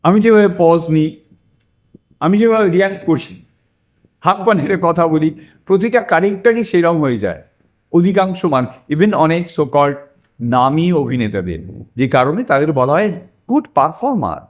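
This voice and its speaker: Earnest sixty-year-old man with lively pitch. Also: moderate pace. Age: 60s. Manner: earnest, repeats phrases for emphasis. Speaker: mind coach and actor. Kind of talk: reflective self-help talk.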